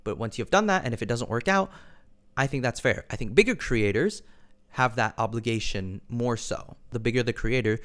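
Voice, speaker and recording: With a medium-pitched, fairly bright voice, a man shares his opinions as an online video commentator. He stays measured and often hedges with personal qualifiers.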